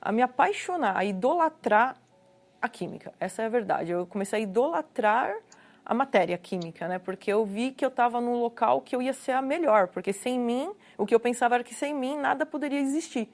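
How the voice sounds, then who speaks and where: Speaking a little fast, a woman from Brazil gives her testimony as a guest in an earnest way, repeating words to stress them. She has a Brazilian Portuguese accent and a fairly high, expressive voice.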